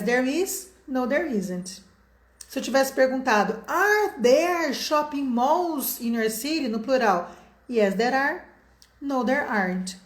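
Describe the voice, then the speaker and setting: A middle-aged woman from Brazil teaching an online English lesson, explaining patiently and slowing down to sound out example sentences. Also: on the high side, roomy sound.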